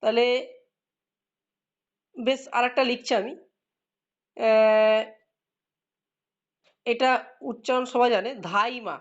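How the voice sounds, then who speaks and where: A woman teacher leads a classroom lesson, explaining patiently and quizzing her students as she goes. Her voice sits a little high. The recording is dull and lo-fi. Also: little pitch movement, slow pace, pauses often. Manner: explains patiently, asks students questions and praises answers.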